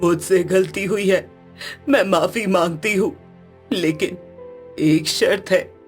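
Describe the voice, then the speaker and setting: A woman's voice: fairly low pitch, slow, soft background music, pitched below the performer's own voice. Woman doing a bossy mother-in-law. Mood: stern. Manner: stern, scolding. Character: bossy strict middle-aged mother-in-law.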